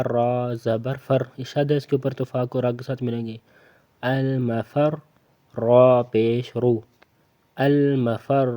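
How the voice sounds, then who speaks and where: Mellow-voiced man teaching Quran reading. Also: mid-range voice. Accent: Pakistani Urdu. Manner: patient, spells out letters and drills words repeatedly. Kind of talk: slow letter-by-letter recitation lesson.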